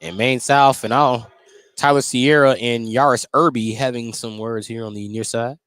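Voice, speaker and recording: An American play-by-play announcer calls a basketball game live on radio from an indoor school gym. His medium-pitched voice is clear, resonant and a bit bright, with fairly even intonation, normal speed and no echo, over gym noise and bouncing basketballs in a noisy broadcast.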